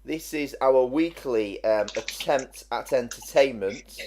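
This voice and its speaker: A man's voice: mid-range voice, takes it slowly, background noise. A man hosting a casual livestream from a vicarage, talking in a dry, mock-grand joking way with many ums. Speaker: livestream host. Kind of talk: casual chat.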